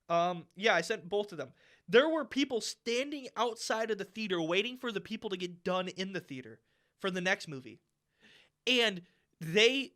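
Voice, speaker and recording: Young man, high voice, bright tone, profane animated storytelling, podcast host. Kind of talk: casual storytelling rant. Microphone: podcast mic.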